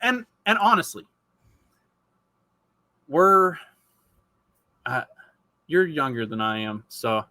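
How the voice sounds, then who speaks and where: A man's voice: a little high, sing-song, takes it slowly, long pauses, bright, forceful tone, dry recording. A man of forty talking in a casual podcast chat, profane and rambling, with many restarts. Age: 40s.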